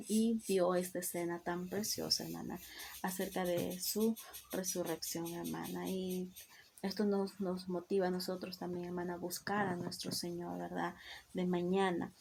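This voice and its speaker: A woman's voice: on the low side, vocal fry, darkish tone, a little hiss or hum. A woman giving an earnest devotional Bible teaching, often asking "¿verdad?" and addressing her listener as sister. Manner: repeatedly says "hermana" and "¿verdad?"; earnest, with slips and restarts. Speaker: preacher.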